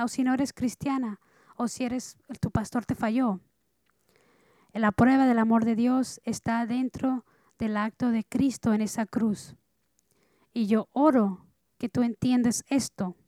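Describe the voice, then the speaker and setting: A woman pastor preaching a sermon earnestly, dropping soft and then rising loud. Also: a little high, dry recording.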